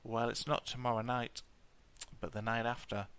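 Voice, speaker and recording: A man's voice: medium pitch, flat delivery, normal speed, fairly bright tone, clean tone, close to an everyday voice, poor audio. A man voicing a chatty, kindly middle-aged village landlady with homely, rambling talk.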